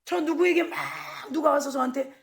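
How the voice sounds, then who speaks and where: A woman pastor delivers a church sermon in a high voice with a gravelly edge. She talks frankly and tells stories with lively energy. She acts out the exchanges as she goes. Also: brisk. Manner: candid, animated storytelling with acted-out dialogue. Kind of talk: sermon with personal anecdotes. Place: church service.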